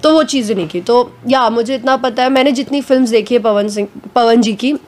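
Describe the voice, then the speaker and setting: A woman actress giving a casual interview at home, talking frankly and a little hoarse from a cold, slipping English phrases into her speech. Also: on the high side, a little fast, darkish tone.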